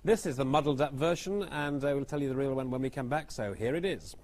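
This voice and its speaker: A man hosting a television word and numbers quiz. He speaks at a middle pitch in a chatty, jovial manner, with a light hiss under the voice. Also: fairly quick. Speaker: quiz show host. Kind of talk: game show hosting.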